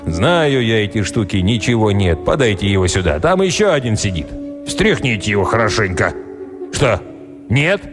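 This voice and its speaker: A man voicing a boisterous middle-aged male Cossack villager who exclaims and grumbles in drawn-out phrases. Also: fairly low pitch, sing-song. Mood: indignant. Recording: roomy reverb, soft music behind.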